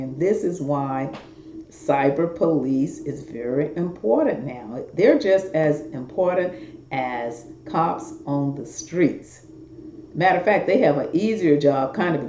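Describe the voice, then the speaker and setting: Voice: mid-range voice, warm tone, slight background noise. A middle-aged talk show host giving rambling, earnest, repetitive warnings straight to viewers in a casual monologue. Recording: roomy, dull lo-fi recording.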